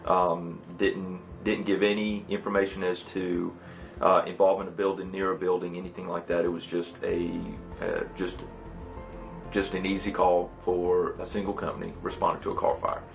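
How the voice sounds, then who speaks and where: Gravelly low man, middle-aged, monotone, halting matter-of-fact interview, faint music behind. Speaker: fire battalion chief. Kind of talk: documentary interview recollection. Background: background music.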